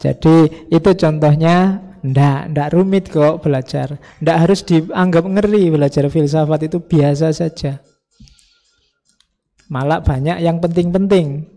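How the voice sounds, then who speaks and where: A man talks through philosophy in a folksy, joking lecture, slipping into little acted quotes. His voice sits a touch high for a man, with a mellow, dark color and a gravelly edge. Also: unhurried, long pauses. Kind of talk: informal religious study lecture.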